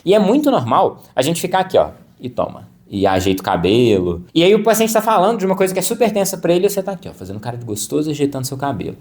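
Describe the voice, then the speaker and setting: A man who works as a psychologist, teaching clinical practice in a video lesson recorded to camera, talking quickly with frequent tag questions. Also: a little high, wildly swooping pitch, a little mellow. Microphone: camera mic, speaking to camera.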